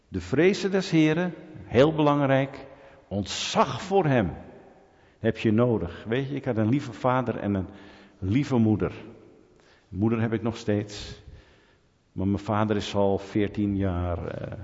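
Middle-aged guy preaching, animated, jumps loud sometimes, muffled recording w/ long hall echo. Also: lowish voice. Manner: animated storytelling with sudden loud peaks. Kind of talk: sermon. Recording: dull audio with long hall reverb.

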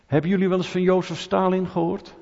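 A man's voice: high-pitched, fast, gravelly. Preacher man in a reverberant hall. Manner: lively, rhetorical, asks the audience questions, jokes with them. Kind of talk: sermon. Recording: dull sound with long hall reverb.

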